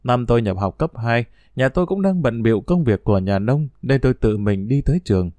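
A man's voice: mid-range voice, animated, brisk, darkish tone, dry recording. Wry male storyteller, dry close sound. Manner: wry, reflective, conversational. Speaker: narrator. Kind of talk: first-person storytelling narration.

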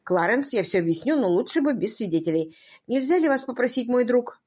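A woman's voice: fairly high pitch, animated, fairly quick, darkish tone, breathy edge, pitched above the performer's own voice. A woman voicing an indignant, pompous middle-aged press magnate. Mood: stiff.

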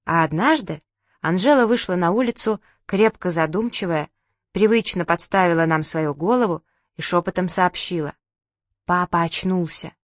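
A woman reads a story aloud in a lively, humorous way, as audiobook narration. Her voice sits low for a woman. The recording is close and dry, with no room echo. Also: moderate pace.

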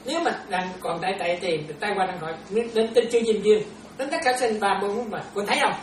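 A woman's voice: medium pitch, fast. A woman teaching in a Buddhist talk, chatty, often checking whether listeners follow and laughing now and then. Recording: echoey room, distant mic, noisy.

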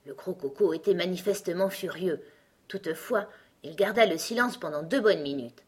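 A woman narrating a storybook in an even, measured way, with a husky voice. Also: fairly low pitch. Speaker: audiobook narrator.

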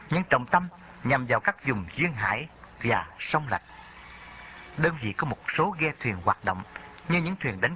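A man's voice: mid-range voice, pushed and bright, highs cut off, slight background noise. Man reading a reflective memoir. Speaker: narrator.

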